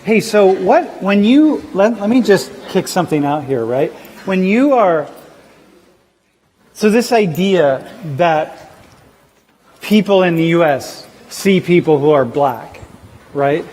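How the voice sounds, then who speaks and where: A man's voice: high voice, slow pace, long pauses, breathy edge. A man leading a class discussion in a large lecture hall, quizzing students with a handheld mic. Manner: quizzing, energetic questioning. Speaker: class instructor.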